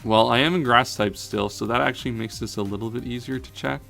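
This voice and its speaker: A man's voice: mid-range voice, fairly even intonation, fast, gravelly, bright, forceful tone, soft background music. A man giving thinking-aloud commentary on a competitive battle, analytical and often correcting himself mid-sentence. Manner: analytical, self-correcting, frequent "um" and "uh".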